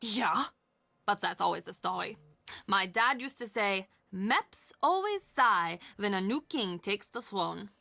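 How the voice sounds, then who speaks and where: An actress voicing a warm, chatty middle-aged castle employee and aunt in a video game, expressive and confiding. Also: female voice, medium pitch, a little slow, creaky, dry recording, full character voice. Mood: wry, chatty.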